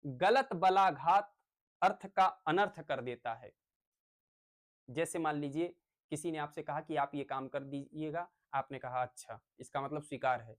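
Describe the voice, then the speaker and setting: A man's voice: a little high, a little slow. A male teacher giving a lecture on phonics, explaining step by step with everyday examples.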